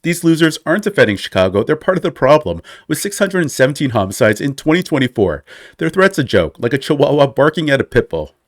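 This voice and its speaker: A man's voice: mid-range voice, big pitch swings, fast talker. Scornful man narrating commentary. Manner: scornful, punchy. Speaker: channel narrator. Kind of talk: scripted political commentary.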